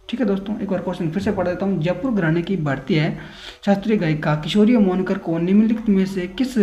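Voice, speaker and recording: A man's voice: high voice, mellow. An unwell man teaching an exam-prep lesson in a casual way, repeating himself, apologizing often and building memory tricks. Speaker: online exam tutor. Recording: echoey, dull lo-fi room recording.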